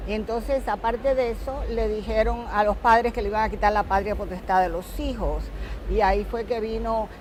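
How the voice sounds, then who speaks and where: A woman in her seventies, born in Cuba, telling her family's story in an interview, with many fillers and an unhurried pace. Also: mid-range voice, fairly even intonation, darkish tone, a little hiss or hum, poor audio. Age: 70s. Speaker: author.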